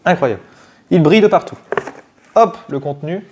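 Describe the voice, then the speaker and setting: Excitable French man opening cards. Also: fairly high pitch, moderate pace, noisy background. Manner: excitable, swears, shouts when thrilled. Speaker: card-opening youtuber. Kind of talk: casual unboxing chat.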